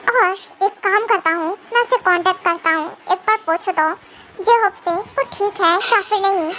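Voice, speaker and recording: A woman's voice: very high-pitched, sharp tone, slight background noise, heavily acted, low-quality recording. A young woman voicing a hot-tempered young male captor who mutters threats to himself, in an amateur fan audio drama. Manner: muttering, menacing.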